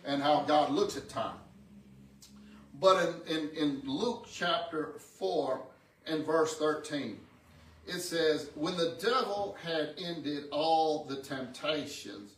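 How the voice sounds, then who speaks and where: This sixties-aged pastor speaks slowly in a slightly high, somewhat bright voice, with a little background noise present. His teaching sermon feels conversational, as he repeats words and checks in with "amen" and "okay." The echoey room is captured by a distant microphone.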